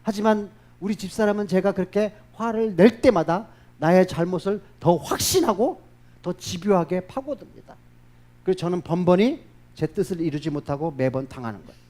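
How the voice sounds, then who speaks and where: A male pastor preaching a sermon, telling stories in a lively way and acting out the voices of the people in them. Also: high voice, normal speed.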